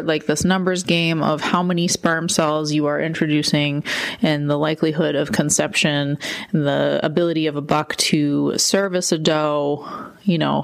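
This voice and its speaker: A woman giving a casual solo podcast monologue, informal and rambling as she thinks aloud. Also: deep voice. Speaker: podcast host.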